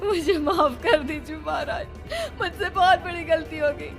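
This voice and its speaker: A woman's voice: very high voice, unhurried, music in the background, crowd noise. A woman voicing a remorseful, pleading middle-aged mother in a dramatized moral horror story. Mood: tearful remorse. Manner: tearful, pleading, self-justifying.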